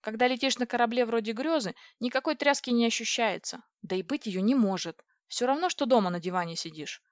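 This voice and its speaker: A woman's voice: a little high, quick pace, dry recording. Woman narrating a sci-fi audiobook, dry. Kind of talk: first-person audiobook narration. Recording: dull, dry audiobook recording.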